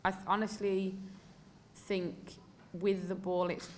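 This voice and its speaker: Speaking slowly at medium pitch with little pitch movement, an English woman in her thirties handles post-match press questions as a football coach. Her answers are candid and emphatic, peppered with fillers. She uses a desk mic in an indoor press room with a sponsor backdrop behind her, and there's slight background noise.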